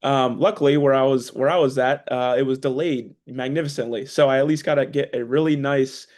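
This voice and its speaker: A man's voice: mid-range voice, steady tone, fairly quick, darkish tone. A young man in his twenties from a policy group, telling a casual, self-deprecating story of his first testimony. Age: 20s. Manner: chatty, self-deprecating, many fillers and restarts. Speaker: policy staff speaker. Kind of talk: casual personal account.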